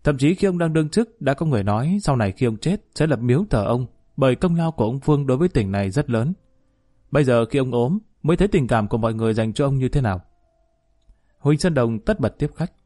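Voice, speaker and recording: A man narrating a story audiobook in a measured, even manner. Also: medium pitch.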